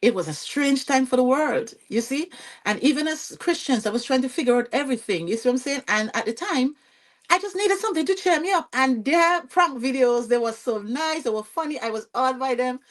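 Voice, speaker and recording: A woman with a Vincentian accent, a podcast guest telling her story in a lively, chatty way and often checking in with "you see what I'm saying?". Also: sits high, a little fast. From Saint Vincent and the Grenadines. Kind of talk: conversational storytelling interview.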